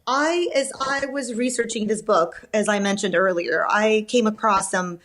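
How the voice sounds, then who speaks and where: A Romanian woman, a novelist appearing as a podcast guest, answers interview questions thoughtfully and with measured care, often using fillers and restarting sentences. Her voice sits in the mid-range with a fairly bright tone.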